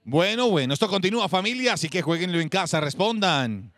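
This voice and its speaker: A man hosting a TV game show, excitable and exclamatory, talking to the viewers at home. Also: sits high, fairly quick, no echo, clean studio sound.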